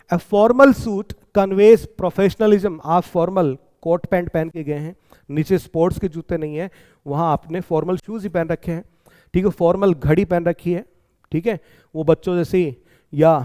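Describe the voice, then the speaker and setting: A man teaching an exam-prep lecture in Hindi, with English lines in an Indian accent. He reads the English slowly and explains quickly, often asking rhetorical questions. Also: a little high, dark tone.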